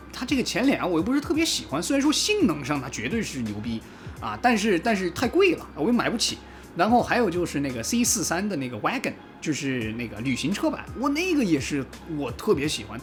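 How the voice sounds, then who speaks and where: A man from China talking casually in a vlog as a car reviewer, chatty and lively, with a raised voice when he mimics what commenters said and some casual swearing. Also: on the high side.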